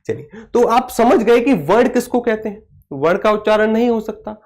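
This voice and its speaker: A man's voice: high-pitched, moderate pace. A man teaching a live online class, asking questions and answering them himself, and stopping to reply to viewer comments.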